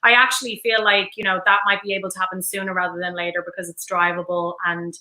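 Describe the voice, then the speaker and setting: Bright chatty Irish woman. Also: lowish voice, level tone, quick pace, reverberant, low-quality recording. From Ireland (Dublin). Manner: chatty, enthusiastic, lots of "like" and "um". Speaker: brand ambassador guest. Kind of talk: casual livestream chat.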